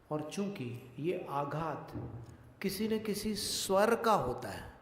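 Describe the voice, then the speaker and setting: A male monk giving a religious discourse, teaching Sanskrit pronunciation slowly and deliberately and putting questions to his listeners. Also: high-pitched. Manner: slow, deliberate, questions the audience. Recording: echoey hall with long reverb.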